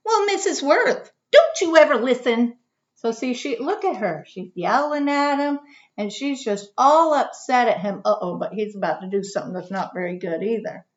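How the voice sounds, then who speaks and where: A woman's voice: medium pitch, moderate pace. A woman teaching a lesson to young children, reading a picture book aloud and asking questions she answers herself. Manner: animated, asks questions and answers them herself. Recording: dull lo-fi recording.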